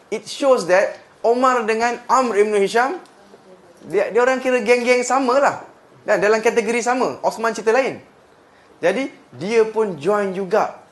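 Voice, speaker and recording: A man with a Malaysian accent telling a religious story to a class, switching between Malay and English and repeating words for emphasis. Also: high-pitched. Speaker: religious lecturer.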